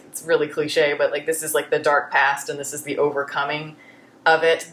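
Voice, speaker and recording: A woman's voice: deep voice, fairly bright tone, reverberant, slight background noise. A woman answering viewer questions in a casual way, candid and reflective, often restarting her sentences. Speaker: YouTube film reviewer.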